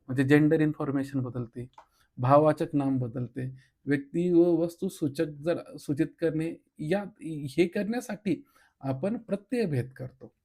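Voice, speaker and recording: A man's voice: on the high side, warm tone. A man with a Marathi accent teaching an exam-prep grammar lesson, explaining step by step and putting questions to his listeners.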